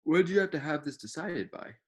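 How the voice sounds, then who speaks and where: A man's voice: a little high, animated, brisk, breathy edge. A young man co-hosting a podcast, mostly listening and giving short replies in casual chat. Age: young adult. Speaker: podcast co-host.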